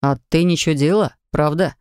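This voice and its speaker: A woman voicing a troubled husband, an investigator, who speaks in a soft, coaxing and pained way. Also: deep voice, normal speed, clean tone, no room sound, clean studio sound, lightly acted. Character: troubled husband, an investigator, gentle but wounded.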